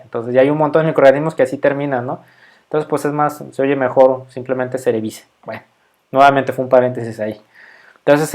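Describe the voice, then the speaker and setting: Mexican male lecturer, middle-aged, conversational and filler-heavy, keeps checking in with the class. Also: medium pitch. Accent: Mexican Spanish. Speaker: university microbiology lecturer. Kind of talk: casual recorded lecture.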